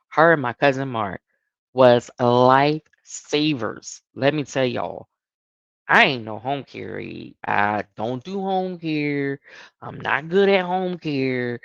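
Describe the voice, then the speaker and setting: A woman's voice: a bass voice, vocal fry, no echo, highs cut off. A woman hosting a live chat, telling family stories with frequent laughter. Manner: storytelling, laughs often, grows sombre. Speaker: host.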